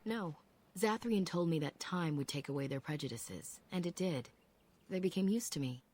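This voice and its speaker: The clip has a solemn feel as a woman performs the role of a game's elf apprentice. The character is calm and proud, and she speaks slowly and reflectively in a low, husky voice.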